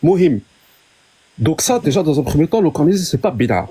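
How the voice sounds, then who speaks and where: Soft husky guy on a livestream, slightly high voice, keeps repeating words to make his point. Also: sing-song, a little fast. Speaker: live stream guest. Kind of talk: casual explanatory debate.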